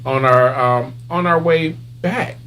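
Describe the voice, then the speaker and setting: A man's voice: medium pitch, slow pace, pushed and bright. Chatty man hosting a podcast. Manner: chatty, laughs, loose phrasing. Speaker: podcast host. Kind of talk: casual live-stream chat. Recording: faint hum behind.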